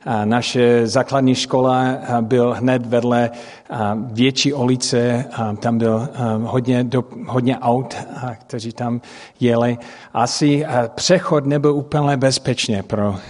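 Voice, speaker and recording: A middle-aged man, a native English speaker speaking with an English-speaking accent, preaches through personal stories, haltingly searching for words and making grammatical slips. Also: medium pitch, steady tone, a little mellow. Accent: English-speaking accent in Czech. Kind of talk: sermon with personal storytelling. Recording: long hall reverb.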